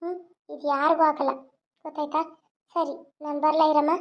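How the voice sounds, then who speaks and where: A woman's voice: high voice, level tone, moderate pace, pitched below the performer's own voice, lightly acted. A woman voicing a young mother and police officer, tearful and tender as she says goodbye. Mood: anguished. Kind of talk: cartoon voice acting. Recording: dull lo-fi sound.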